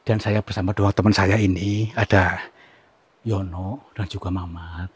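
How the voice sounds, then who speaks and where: A man, from Central Java, hosting a ghost-hunting vlog outdoors in a forest, giving hushed commentary and coaxing with repeated soothing words. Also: deep voice, little pitch movement, unhurried, breathy edge, dry recording. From Central Java, Indonesia. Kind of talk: hushed on-location exploration commentary.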